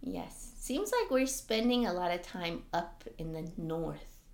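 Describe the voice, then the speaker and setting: A woman co-hosting a podcast in casual chat, talking in an animated way with lots of fillers. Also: fairly low pitch, slow, reverberant. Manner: chatty, animated, frequent "like" fillers. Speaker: podcast co-host.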